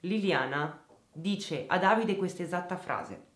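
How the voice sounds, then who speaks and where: A woman's voice: on the low side, animated, measured pace, echoey room. A woman narrating a true crime case in a grave, scripted manner.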